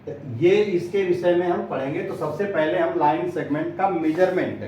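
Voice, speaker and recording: A man teaching a school maths lesson, speaking slowly with many pauses as he points things out on the board. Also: fairly high pitch, dark tone, slight background noise. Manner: slow, pausing, points while explaining. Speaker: maths tutor. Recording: echoey, distant, dull lo-fi sound.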